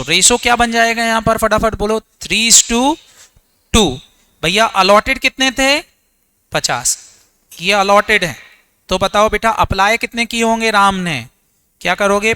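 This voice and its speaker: Teaching an accounts revision class, a man with a sharp, clean-toned voice quizzes his students and then quietly answers his own questions. He speaks Hindi laced with English terms in this exam-prep lecture.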